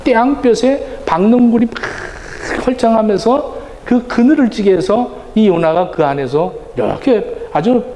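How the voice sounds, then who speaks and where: A male pastor with a high, lively voice preaches a sermon, his pitch rising and falling as he talks. He is middle-aged and keeps a conversational tone throughout. His voice rings through a large, echoey church hall, with faint room noise underneath. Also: measured pace. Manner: conversational preaching, acting out quoted exchanges. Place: church sanctuary. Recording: roomy church hall reverb, faint ambience.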